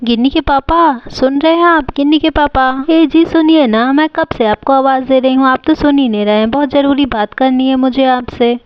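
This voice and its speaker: A high-voiced, fretful village mother from a doll story, as a woman puts her on, who pleads and frets dramatically. The sound is dry and a little dull and lo-fi. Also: moderate pace, hardly any pauses, smooth, dry recording, natural voice. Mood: pleading. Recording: dull lo-fi home recording.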